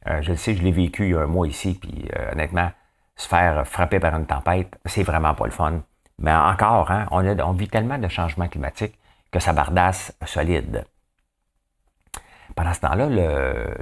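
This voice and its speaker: Quebecois guy rambling about the news, deep voice, swoopy lively pitch. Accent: Québécois French. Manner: rambling, talks to viewers, asks them questions, hums songs. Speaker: host of a daily news chat. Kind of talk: casual chatty news commentary.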